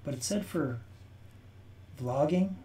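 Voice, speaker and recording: A man's voice: fairly high pitch, takes it slowly, distant mic. A man from New Jersey hosting a casual livestream, talking through a hollow echo that makes him sound like he is inside a drain pipe. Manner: relaxed, thinking aloud while testing his mic settings. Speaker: livestream host answering viewer questions. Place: indoor room with a green screen. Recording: echoey room, voice set back from the mic.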